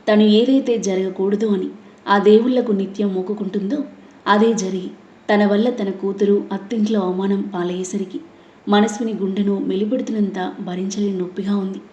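A woman narrating a serialized novel in a steady, dramatic storytelling manner. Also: mid-range voice, lo-fi sound. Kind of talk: scripted audiobook narration. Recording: roomy echo.

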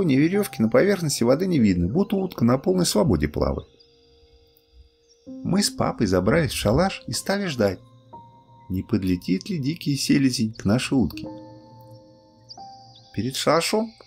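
An older man narrating a bedtime story in a lively, expressive way. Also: mid-range voice, gravelly.

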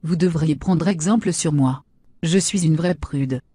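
A woman's voice: sits low, a little slow, warm tone, slightly rough. A woman voicing a vain, foul-mouthed young woman, brash and insulting in comic machinima. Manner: brash, insulting, self-satisfied.

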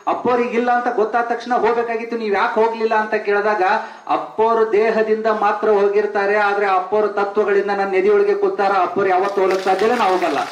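A man's voice: high voice, echoey room, dull audio. A man from Bijapur with a North Karnataka accent gives a devotional tribute speech as a teacher, speaking emphatically and repeating phrases for stress. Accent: North Karnataka Kannada.

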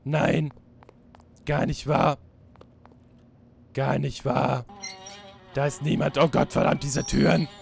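A man's voice: mid-range voice, flat delivery, takes it slowly, creaky, pauses often, darkish tone, faint music behind. A man commenting as he plays a horror game, joking, swearing and panicking, sometimes reading notes aloud in a mocking tone. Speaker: gamer playing a horror game. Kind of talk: let's play commentary. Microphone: desk mic with facecam.

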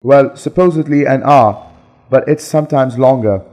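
A man reading the lines of a scripted English lesson dialogue in a plain, measured way. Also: mid-range voice, a little mellow, big-room sound.

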